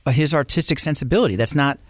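A man co-hosting a music podcast in casual chat, talking fast and jokingly and often cutting in. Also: fairly high pitch, dry recording, clean studio sound. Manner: animated, quick, jokey, talks over his co-host. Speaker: podcast co-host.

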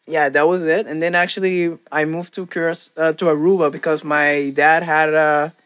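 A man's voice: fairly high pitch, little pitch movement, a bit bright, clean tone. Rambling young man from Curaçao. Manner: rambling, halting, full of fillers and restarts. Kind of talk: casual chat.

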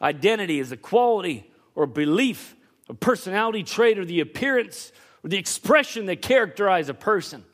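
A high-pitched man preaching to a congregation, his voice leaping up and down as he presses each point. He moves between quick conversational asides and sudden shouted emphasis, speaking from the pulpit during a church service. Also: lively intonation. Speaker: pastor. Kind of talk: sermon.

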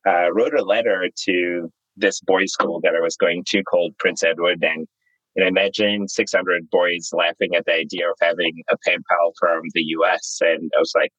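A man's voice: low voice, dry recording, lo-fi sound. A man in his thirties from Zimbabwe, a startup founder telling his story candidly as an interview guest. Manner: candid, relaxed, storytelling with fillers.

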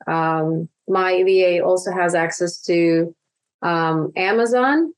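A woman's voice: on the low side, slow pace. A woman being interviewed on a podcast, chatting with lots of fillers and restarts. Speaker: guest, virtual assistant business owner.

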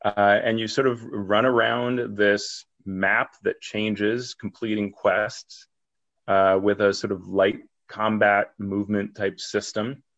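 A man co-hosts a podcast in casual chat. His pitch is fairly low, and the recording sounds a little dull and lo-fi. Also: flat delivery, slow, a bit bright. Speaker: podcast co-host.

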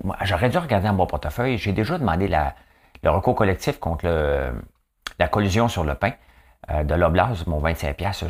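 A man with a Quebec French accent and a nasal voice, hosting a casual, joking commentary monologue and tagging his sentences with "hein". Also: sits low. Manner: chatty, joking, fills talk with "hein". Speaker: show host.

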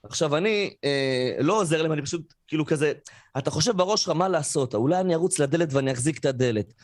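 A man, telling a story on a podcast with a fairly high, lively voice that jumps up when he acts out the people he quotes. The sound is dry and close. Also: no room sound. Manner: animated, acts out quoted voices, frequent fillers. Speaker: podcast co-host. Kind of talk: casual storytelling.

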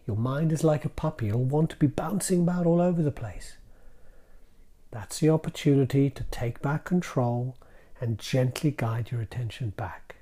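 A man guiding a calm grounding exercise in a gentle, soothing manner, leaving deliberate pauses between short phrases. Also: medium pitch. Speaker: mindfulness practice guide.

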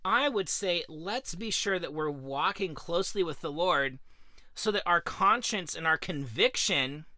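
A man's voice: on the high side, lively intonation, unhurried, bright, forceful tone, dry recording, studio quality. A man co-hosting a casual faith podcast, speaking earnestly and with emphasis, often checking in with "right?". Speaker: podcast co-host.

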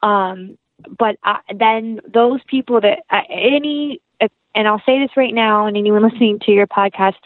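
This young adult actress is a guest on a podcast, talking casually, earnestly and warmly while she rambles on. Her voice sits in the mid range, with no echo, over a thin, phone-like connection.

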